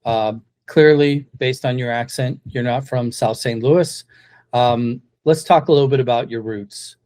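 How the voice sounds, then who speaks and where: A man's voice: medium pitch, unhurried, a little mellow. A man hosting a podcast interview, jokey and chatty with many fillers. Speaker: podcast host. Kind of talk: casual interview conversation.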